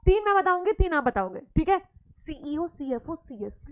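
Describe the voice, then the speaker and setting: A woman's voice: high-pitched, sing-song, moderate pace, background noise. A woman teacher giving a classroom lecture, teasing and playfully scolding her students as she mixes Hindi with English.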